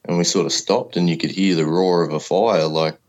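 A man's voice: low-pitched, steady tone, a little fast, darkish tone. An Australian man in his thirties telling a story casually, in the plain, colloquial way of a laid-back working bloke. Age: 30s. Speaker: podcast guest. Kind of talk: casual first-person storytelling.

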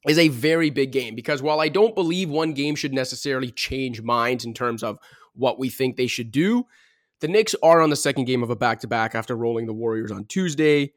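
A man's voice: medium pitch, brisk, no echo, studio quality. A man hosting a casual sports podcast, talking energetically in long stat-heavy runs. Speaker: podcast host.

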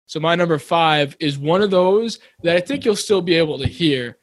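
A young man co-hosting a casual sports podcast, talking in an excitable, rambling, jokey way. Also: fairly high pitch, normal speed, no room sound, clean studio sound. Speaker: podcast co-host. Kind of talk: casual chat.

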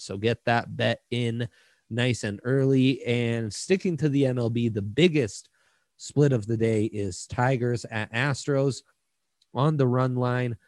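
A man's voice: mid-range voice, a little mellow, no room sound, studio quality. A man co-hosting a sports betting show, giving casual commentary and running through the numbers.

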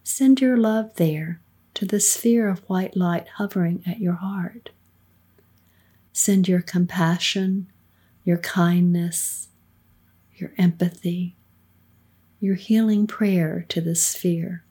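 A middle-aged woman with a soft, soothing, breathy voice, leading a guided meditation in a calm, unhurried manner with hushed phrase endings. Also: on the low side. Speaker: guided meditation leader, podcast co-host.

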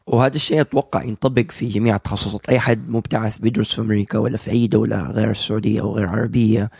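Gravelly, husky man host. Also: fairly low pitch, steady tone, rapid-fire, darkish tone, no echo, studio quality. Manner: asks short prompts, chatty. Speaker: podcast host. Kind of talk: casual podcast interview.

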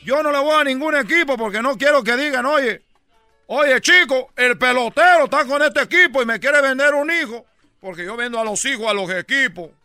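A man's voice: very high voice, a little fast, pushed and bright, no echo, clean studio sound, faint music behind, full character voice. A man voicing a boastful male baseball player who talks with a put-on Caribbean Spanish accent and drops his R's, teasing and bragging in a radio comedy sketch. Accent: put-on Caribbean Spanish, dropping the R. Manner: brash, bragging, teasing, chuckling.

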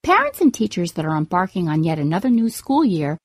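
A woman presents scripted advice like an upbeat, organized vlogger. Her intonation is very lively, stressing each item in turn, and the sound is dry, with hardly any room. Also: on the low side, a little fast, no room sound. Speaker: podcast host giving parenting tips.

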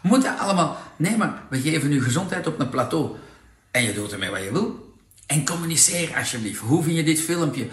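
A man with a Flemish accent presenting products in a casual, persuasive sales pitch, full of tag questions. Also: lively intonation, brisk, a bit bright, reverberant.

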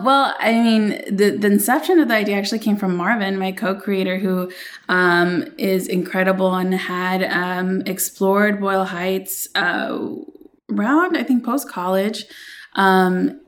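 A woman from Los Angeles, a screenwriter guest on a podcast, telling her story in a lively way with lots of "um" and "like.". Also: medium pitch, slight background noise. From Los Angeles, USA. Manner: animated storyteller, many fillers and restarts. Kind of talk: interview storytelling.

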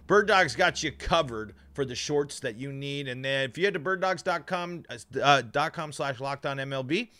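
A man's voice: mid-range voice, moderate pace, few pauses, pushed and bright. A man hosting a live sports podcast, his mouth numb from the dentist, talking emphatically with stumbles and repeated words. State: mouth numb from dental work.

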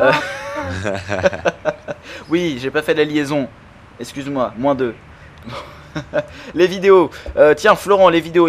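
A man's voice: medium pitch, slight background noise. A man hosting a casual podcast, chatting and laughing as he rambles through anecdotes. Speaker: podcast host. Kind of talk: casual chat.

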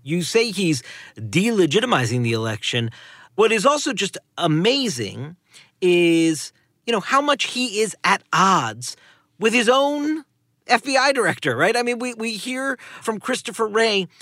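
A man's voice: high-pitched, very animated, a little slow, a bit bright, no room sound, clean studio sound. A man co-hosting a political news podcast, giving emphatic conversational analysis and repeating key phrases for weight. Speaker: podcast co-host, political director.

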